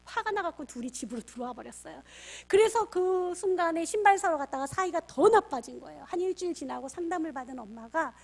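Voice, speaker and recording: A middle-aged woman with a high voice delivers a parenting lecture as a pastor. She tells stories in a lively way and plays out the back-and-forth between parent and child herself. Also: quick pace, gravelly, hardly any pauses. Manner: lively storyteller acting out quoted family dialogue. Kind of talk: storytelling lecture for parents and teachers.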